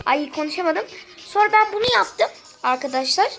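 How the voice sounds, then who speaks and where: Woman with a very high voice, sore throat, chatty gameplay walkthrough, keeps calling viewers friends, faint game music behind. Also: lively intonation, normal speed, vocal fry, a bit bright, low-quality recording. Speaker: gaming channel host.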